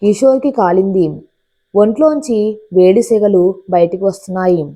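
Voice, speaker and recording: A woman narrating an audiobook story with expressive storytelling. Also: medium pitch, moderate pace.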